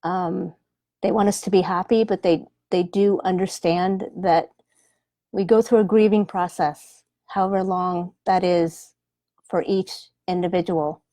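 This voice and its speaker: A woman in her forties, a medium on a live stream, speaking gently with many pauses and ums. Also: fairly low pitch, fairly even intonation, no room sound, clean studio sound. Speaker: animal communicator and medium. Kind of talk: live-stream chat with viewers. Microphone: webcam or phone livestream.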